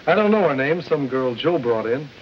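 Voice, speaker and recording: An actor playing a matter-of-fact male studio worker who answers flatly, in a 1940s film. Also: mid-range voice, moderate pace, highs cut off, natural voice. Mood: deadpan. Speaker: studio employee. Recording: hissy 1940s film soundtrack.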